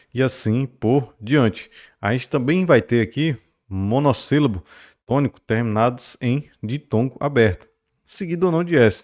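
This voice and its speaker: A man teaching a recorded grammar lesson, checking in often with his students and drawing out stressed syllables to model words. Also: mid-range voice. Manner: explanatory, checks in often with "beleza?" and "né?".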